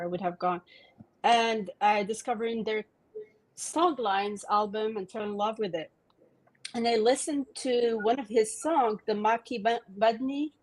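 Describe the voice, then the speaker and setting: A woman's voice: on the high side, rough recording. A woman from Morocco, a podcast guest eagerly telling a rambling story and laughing often. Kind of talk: casual interview chat.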